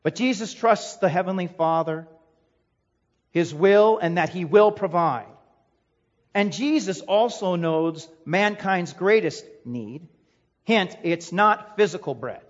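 A man's voice: high voice, slow. A male pastor preaching a sermon in an emphatic way, with rhetorical questions and a repeated refrain. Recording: echoey hall, dull lo-fi sound.

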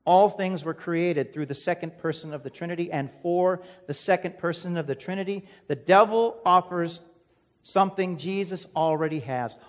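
High-voiced male pastor in a reverberant hall. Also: normal speed. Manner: emphatic, uses rhetorical questions and a repeated refrain. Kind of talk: sermon. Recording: echoey hall, dull lo-fi sound.

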